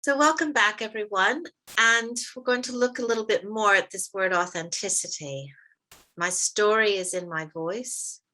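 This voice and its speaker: A woman with an American accent leading an interactive workshop over a video call, speaking in a measured way and slowing down to stress key words. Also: medium pitch, pushed and bright. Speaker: workshop leader.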